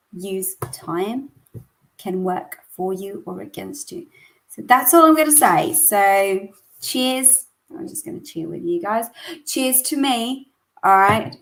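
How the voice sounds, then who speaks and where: Woman, early 30s, vlog host; casual, talky, ranting delivery. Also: mid-range voice. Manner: chatty, rambling, ranting, emphatic. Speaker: coach and weekly vlog host. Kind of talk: casual talk to camera.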